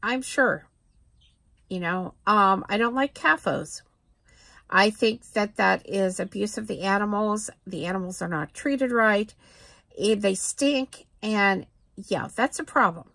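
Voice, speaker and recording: A woman's voice: mid-range voice, slow, vocal fry, a bit bright, no room sound. A middle-aged woman talking straight to a close camera in a cluttered room, earnest and plain-spoken as a homesteading vlogger. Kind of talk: casual talking-head vlog.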